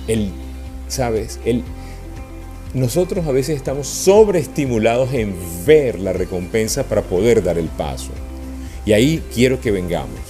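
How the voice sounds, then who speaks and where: A man preaching a sermon to a congregation, checking in with them as he goes. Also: medium pitch. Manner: animated, asks the congregation questions.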